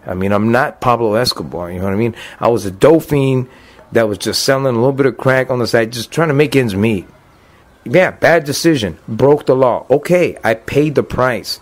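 Choked up, this deported veteran in his fifties speaks at a moderate pace in a mid-range voice. He tells his life story plainly and earnestly for a documentary interview.

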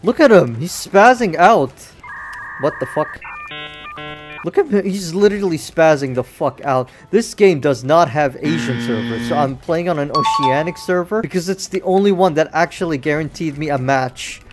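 A young man streaming a fighting game, cursing and yelling at his misses in casual commentary. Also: on the high side, normal speed. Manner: excitable, swears a lot, yells at misses. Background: faint game music.

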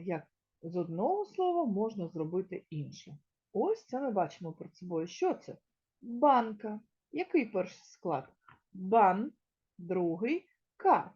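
A woman teaching a small-children's lesson in a slow, sing-song way, stretching words out and sounding them out one by one. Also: mid-range voice, warm tone, slightly rough, muffled recording. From Ukraine. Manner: drawn-out, sound-by-sound word pronunciation. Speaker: kindergarten teacher.

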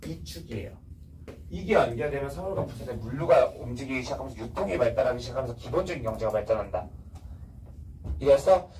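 A man's voice: medium pitch, darkish tone, distant mic, a little hiss or hum, poor audio. A man teaching a casual history lecture, blunt and slangy, stopping often to quiz his students.

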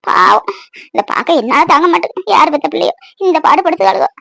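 A woman's voice: high voice, sing-song, quick pace, creaky, fairly bright tone, dry recording, studio quality, exaggerated voice. A woman voicing a grumbling old village woman in a cartoon, lamenting and scolding young wives about the old days. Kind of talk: cartoon voice acting.

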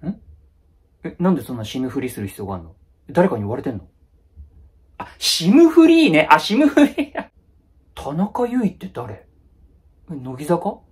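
Husky man with wildly swinging pitch. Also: a little mellow. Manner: quick blunt retorts, rough casual speech. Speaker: comedy YouTuber. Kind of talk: comedic solo skit.

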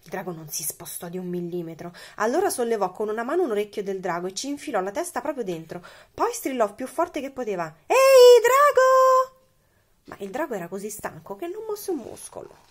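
A woman reading a children's picture book aloud, expressive and playful. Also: mid-range voice, fast, few pauses. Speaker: storyteller.

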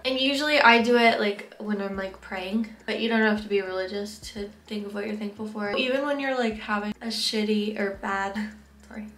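A woman's voice: medium pitch, echoey room, a little hiss or hum. A young woman chatting casually while doing her makeup, frank and full of fillers, a bit out of breath. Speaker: vlogger.

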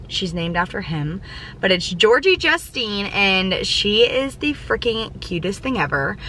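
A twenty-one-year-old woman vlogs from the driver's seat of a parked car, chatting casually to a camera on the dashboard in a bubbly way packed with fillers. Her voice is medium-pitched and bright with a forceful tone, and there's slight background noise.

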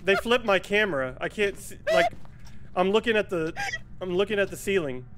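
A man playing a ghost-hunting game with friends, reacting quickly and calling out what he sees. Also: high voice, lively intonation, very noisy. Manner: quick reactive callouts, laughs often. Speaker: co-player. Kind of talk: casual gaming chat.

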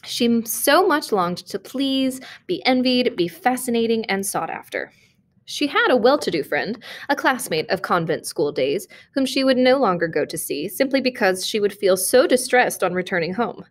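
A woman reading a short story aloud, narrating in a measured, expressive way. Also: fairly high pitch. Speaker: reader.

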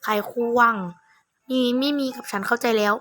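Female gamer, fairly high and very bright voice; casual playthrough commentary, reads on-screen text, blunt, sweary, mocking. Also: steady tone, moderate pace, slight background noise. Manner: blunt, mocking, foul-mouthed. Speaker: gamer playing through a horror game. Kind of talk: casual gameplay commentary, reading game text aloud.

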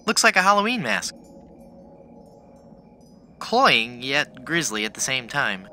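A man's voice: mid-range voice, big pitch swings, slow pace, pushed and bright, a little hiss or hum, exaggerated voice. A man playing a boyish, hapless, wisecracking young adventurer in a cartoon adventure game, speaking in an earnest, wry, exclamatory way.

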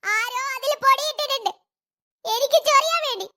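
A woman's voice: very high voice, brisk, pushed and bright. A woman voicing a whiny, spoiled little girl in a cartoon, complaining and sulking. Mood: sulky. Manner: whining, complaining. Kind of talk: cartoon voice acting.

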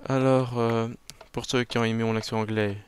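A man's voice: mid-range voice, flat delivery, normal speed, a little hiss or hum. A man giving casual, self-mocking commentary on his own game, muttering to himself as he plays. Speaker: let's play gamer.

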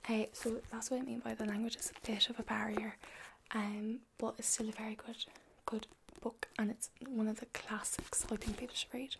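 A young adult woman in a whispered role-play as a chatty librarian, talking in a soft library whisper. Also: a little high, level tone, moderate pace. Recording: clear background noise.

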